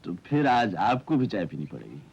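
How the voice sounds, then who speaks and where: An actor playing a gentle young Sanskrit teacher in a 1970s Hindi film, who is soft-spoken and teasingly persistent. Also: male voice, lowish voice, big pitch swings, normal speed, creaky, husky, heavily acted. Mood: coaxing. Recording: dull old film soundtrack with music.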